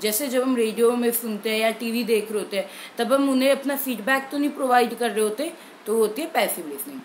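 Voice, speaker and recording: A young woman teacher explaining an exam-prep language lesson clearly and steadily, slowing down on key terms. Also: fairly high pitch, expressive, a little hiss or hum, rough recording.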